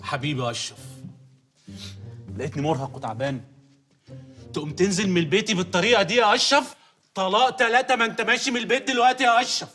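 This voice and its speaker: Overbearing Egyptian host, high bright voice, rapid-fire, insistent, swears oaths. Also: male voice, soft background music. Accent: Egyptian Arabic. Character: overbearing male host Awad, pushy hospitality. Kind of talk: comedy sketch acting.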